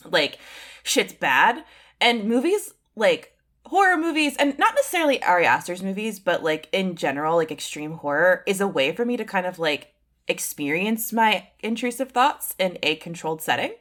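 A woman's voice: mid-range voice, animated, moderate pace, fairly bright tone. A woman co-hosting a podcast, talking candidly and loosely about films and swearing casually. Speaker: podcast co-host.

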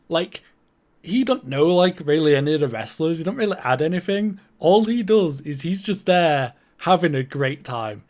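A man's voice: a little high, darkish tone. Man explaining wrestling casually. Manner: explanatory, knowledgeable, filler-heavy. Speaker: podcast co-host. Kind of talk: casual chat about wrestling.

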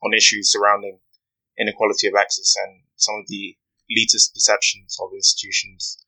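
Being interviewed on a podcast, an earnest West London man in his 20s who hopes to become a barrister tells measured stories, often saying "you know". He has a lowish voice with flat delivery, caught on a low-quality recording.

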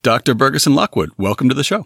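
A man hosting a history podcast, reading announcements and then interviewing a guest in a measured way. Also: medium pitch, very animated, creaky, a bit bright, breathy edge, dry recording, clean studio sound. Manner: measured, reads announcements then asks questions. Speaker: podcast host. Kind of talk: scripted podcast intro and interview.

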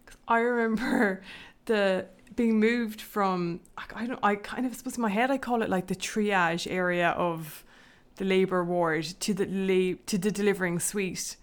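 A woman's voice: medium pitch, steady tone, moderate pace. A woman, telling a story in casual chat, hesitant and often laughing.

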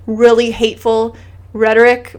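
Speaking at a moderate pace, this interview guest has a fairly high but somewhat dark voice with a completely flat delivery. She recounts her family's immigration story in an earnest, impassioned, conversational way, frequently starting over mid-thought.

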